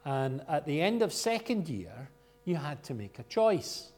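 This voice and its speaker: A Scottish man giving an informal sermon as a guest speaker, loud, chatty and self-deprecating as he tells stories from his own life. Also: on the high side, sing-song, measured pace. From Scotland. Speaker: guest speaker at a church gathering.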